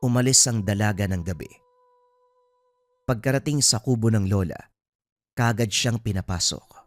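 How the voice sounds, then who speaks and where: A man narrating a horror story in a steady, solemn storytelling manner. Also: on the low side, normal speed, no echo.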